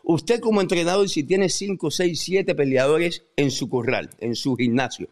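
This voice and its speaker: Male host, insistent debater, slightly high voice, keeps repeating himself. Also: normal speed. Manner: insistent, repeats phrases, formal "usted". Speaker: podcast host. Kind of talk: heated debate.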